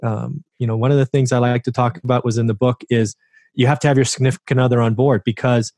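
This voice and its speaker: A man's voice: mid-range voice, little pitch movement, quick pace, a little mellow, no room sound, studio quality. Chatty forties man telling his story. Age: 40s. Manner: conversational, asks rhetorical "right?". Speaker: interview guest, real estate investor. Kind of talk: casual storytelling interview.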